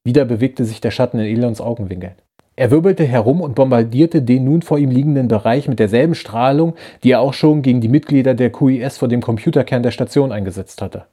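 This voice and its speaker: Man narrating an audiobook, steady, mellow dark voice. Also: mid-range voice, fast talker, slightly rough. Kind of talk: scripted narration.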